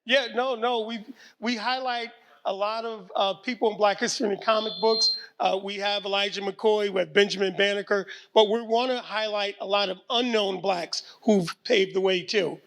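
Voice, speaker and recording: A man from Connecticut hosting an event over a video call, enthusiastic and shouty as he hypes up his guests. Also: high-pitched, fairly even intonation, moderate pace, vocal fry. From Hartford, Connecticut. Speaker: host and producer.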